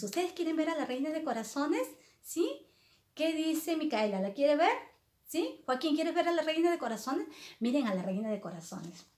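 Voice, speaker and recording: A middle-aged woman telling a story to young children, animated and addressing them by name. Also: fairly high pitch, echoey room.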